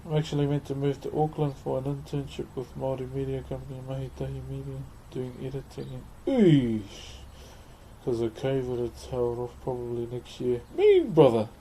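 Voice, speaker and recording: A man's voice: mid-range voice, animated, moderate pace, warm tone. Laid-back man, broad Kiwi accent. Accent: broad New Zealand. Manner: laid-back, matey, chatting with viewers. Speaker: livestream host. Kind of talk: casual livestream chat while carving. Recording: clearly noisy background ambience.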